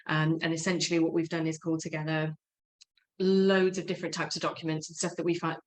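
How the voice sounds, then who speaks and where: Low, even-voiced woman explaining. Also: brisk. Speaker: HR professional presenting. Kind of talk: casual explanatory webinar talk.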